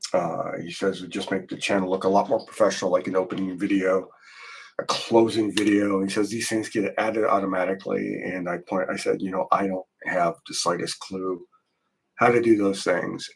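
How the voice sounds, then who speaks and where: Gravelly, low-voiced man chatting on stream. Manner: rambling, halting, thinking aloud. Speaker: host of a live drawing stream. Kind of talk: casual livestream chat while drawing.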